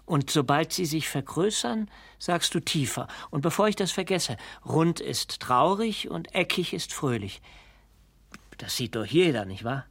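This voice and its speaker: An actress playing a patient, curious music teacher in a radio drama, asking gentle questions. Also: female voice, low-pitched, expressive, unhurried, husky, no echo, full character voice. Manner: gentle and probing.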